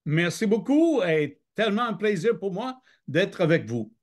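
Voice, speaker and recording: Very animated yet unhurried, a high male voice belongs to a middle-aged Michigan guest recounting his life in French via video call. It's a testimony interview, and he hesitates a lot, leaning on many fillers.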